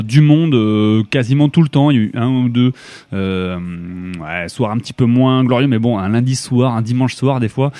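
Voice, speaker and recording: A young man from France hosting a radio show, talking casually and haltingly between tracks with lots of fillers and restarts. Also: medium pitch, mellow, dry recording.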